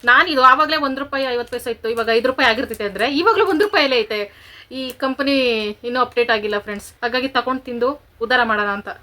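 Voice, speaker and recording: A woman's voice: on the high side, quick pace, bright, forceful tone. A woman in her thirties with a rural Karnataka Kannada accent, chatting casually to viewers in a home vlog. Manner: chatty, addresses viewers as friends constantly. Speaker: vlogger.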